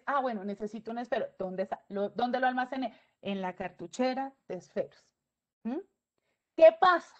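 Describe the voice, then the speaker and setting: A woman giving an animated webinar lecture, often stopping to check in with her audience. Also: fairly high pitch. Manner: animated, asks checking questions, acts out student voices. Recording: dull lo-fi webinar audio.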